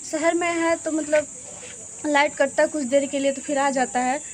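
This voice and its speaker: A woman's voice: high voice, fairly even intonation, moderate pace, slight background noise. A woman in her thirties with a Bhojpuri-tinged Hindi accent, chatting casually in a vlog, outdoors at a village home, recorded on a phone. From eastern Uttar Pradesh, India. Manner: chatty, repeats "what to say" often. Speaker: vlogger.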